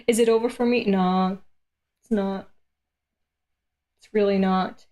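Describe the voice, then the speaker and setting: A woman's voice: medium pitch, steady tone, measured pace, a little mellow. A woman in her late twenties chatting casually on a live stream between comic readings, candid and self-deprecating, with casual swearing. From Europe. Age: late 20s.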